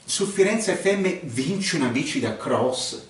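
A man's voice: on the high side, expressive, unhurried, recorded from a distance. A middle-aged man playing a bossy, fussy neighbour in an amateur comedy sketch. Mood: fussy, urgent. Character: bossy, fussy male neighbour mad about radio contests. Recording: roomy living-room echo, camera across room.

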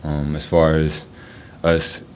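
Young male athlete, deep monotone, casual presser answers, table mic. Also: slow, clear, resonant tone. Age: young adult. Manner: low-key, many fillers. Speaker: college basketball player. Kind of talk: postgame press conference answers. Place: press room, seated at a table.

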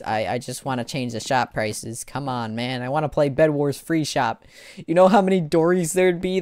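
A man casually commentating a live gaming stream, excitable, exclaiming and laughing as he plays. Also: mid-range voice, dry recording. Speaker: gaming livestreamer.

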